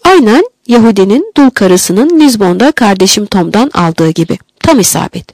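A woman's voice: medium pitch, expressive, moderate pace, darkish tone, no room sound. A woman voicing a loyal, talkative old male army corporal who speaks earnestly and deferentially to his officer. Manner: earnest, deferential, says "sir" often.

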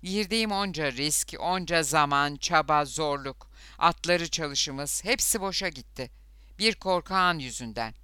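A man's voice: a little high, unhurried, bright, forceful tone, clear, resonant tone, no echo, clean studio sound. A man voicing a fierce, scheming outlaw leader in an audiobook, with bitter, hot-tempered speech. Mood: furious. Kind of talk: audiobook character voice.

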